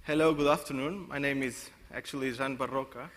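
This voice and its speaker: A conference speaker from Portugal talks in a steady, fairly bright mid-range voice. His presentation is halting, with frequent restarts and mid-sentence self-corrections. The conference hall gives the audio a long reverb.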